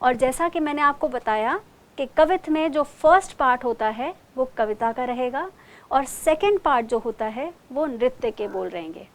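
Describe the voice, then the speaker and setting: A woman's voice: sits high, lively intonation, moderate pace. A woman teaching an online Kathak dance class, calling out counts and dance syllables, then explaining in Hindi mixed with English words.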